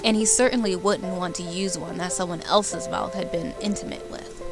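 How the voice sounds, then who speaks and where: Reading a visual novel aloud on stream, she jokes and chats informally with viewers while music plays underneath. Her voice is lowish, with fairly even intonation at a normal speed.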